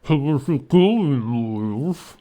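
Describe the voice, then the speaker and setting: A man voicing a taunting masked kidnapper on the phone, through a deep pitch-shifted voice changer, talking smugly with his mouth covered. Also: lively intonation, warm tone. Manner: smug, slow and teasing. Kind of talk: voicing game characters on a stream. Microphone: covering his mouth while talking.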